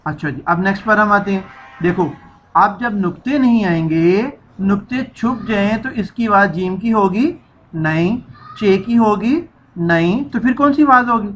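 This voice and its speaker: A woman's voice: mid-range voice, expressive, moderate pace, lo-fi sound, slight background noise. A woman teacher giving a children's reading lesson, stretching out syllables and repeating each sound for the children to echo.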